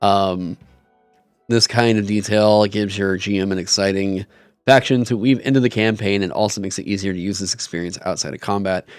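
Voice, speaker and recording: Low-voiced man in frank casual game chat. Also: clear, resonant tone, no room sound, studio quality. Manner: wry, frank, lots of fillers. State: hiccuping. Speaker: co-host reviewing a tabletop game. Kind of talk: casual podcast chat, reading rules aloud.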